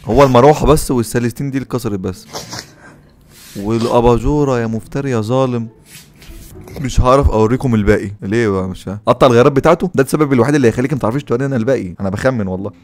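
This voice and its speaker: A man's voice: mid-range voice, very fast, darkish tone, slight background noise. An Egyptian man hosting a reaction video, commenting in a teasing, sarcastic, mock-soothing way.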